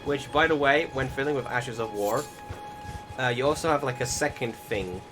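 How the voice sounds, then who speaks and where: This is a man of medium pitch and moderate pace who hosts a gaming channel, giving casual, meandering commentary over video game footage. He frequently hesitates while searching for words, and music plays underneath.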